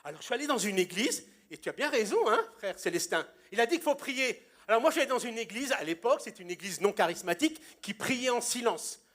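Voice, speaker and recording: A man's voice: high voice, animated, brisk, few pauses, a bit bright. A man in his sixties, a pastor preaching a sermon in a church and telling humorous anecdotes with punchlines.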